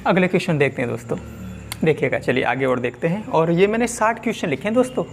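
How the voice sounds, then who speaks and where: A man's voice: fairly high pitch, fast, gravelly, faint music behind. A man teaching an exam-prep lesson, asking questions and repeating them to his viewers.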